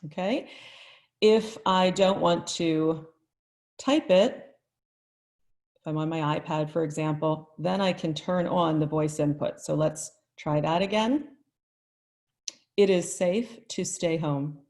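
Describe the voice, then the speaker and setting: A woman talks through a live online tutorial in a chatty, friendly way. Her voice sits low and has a gravelly texture. She thinks out loud as she demonstrates each step. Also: takes it slowly, long pauses. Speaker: teacher trainer.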